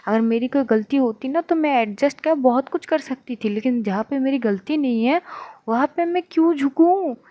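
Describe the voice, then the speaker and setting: A woman's voice: sits high, moderate pace, dry recording, lo-fi sound, lightly acted. A woman voicing an irritable, sleep-deprived young woman in her twenties who argues and complains. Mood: irritated. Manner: complaining, defiant.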